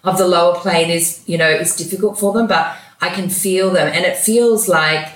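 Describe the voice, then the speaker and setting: A woman's voice: lowish voice, fairly even intonation, normal speed. A woman spiritual coach telling her story earnestly as an interview guest. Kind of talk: interview conversation. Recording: roomy echo.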